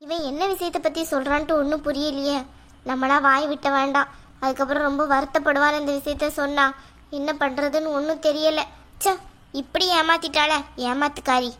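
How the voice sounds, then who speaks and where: A woman's voice: high voice, little pitch movement, fairly quick, fairly bright tone. A woman voicing a worried middle-aged mother in a cartoon, fretful and pleading. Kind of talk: cartoon voice acting.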